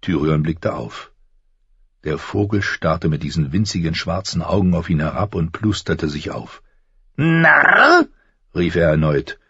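A man reading an audiobook in slow, measured scripted narration. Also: rumbling low, breathy edge, no room sound, muffled recording.

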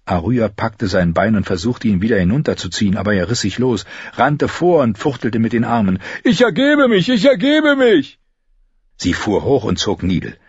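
A man narrating an audiobook in an expressive, lively storytelling manner. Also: sits low, breathy edge, no room sound, lo-fi sound. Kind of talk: scripted narration.

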